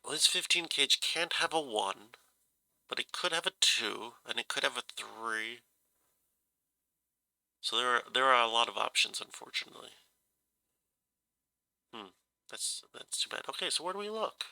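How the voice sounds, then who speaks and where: Stuffy-nosed and slightly scratchy from a cold, a man thinks aloud hesitantly while working through a puzzle, correcting himself along the way. His mid-range voice is expressive, gravelly, bright and forceful, at a moderate pace with long pauses and no echo.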